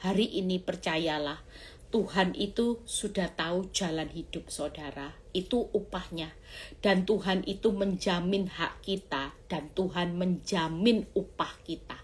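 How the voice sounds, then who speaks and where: A woman's voice: on the low side, unhurried. A middle-aged woman evangelist preaching a chatty live-stream sermon, acting out cries and prayers and asking her listeners questions. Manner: animated, acts out cries and prayers, jumps to shouts.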